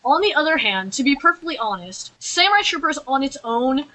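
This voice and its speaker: A woman co-hosting a podcast, giving her opinions in a measured, analytical way during a casual review discussion. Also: high voice, expressive, pushed and bright. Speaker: podcast co-host.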